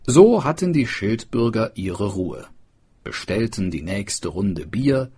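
A man reading a storybook aloud, slowly and expressively. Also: fairly low pitch, husky. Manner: slow, lively, expressive reading. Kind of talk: scripted storybook narration.

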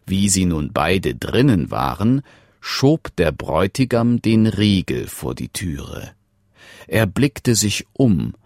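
Deep, slow fairy-tale narrator. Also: male voice, dry recording, studio quality. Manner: measured, expressive storytelling. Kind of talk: storybook fairy-tale reading.

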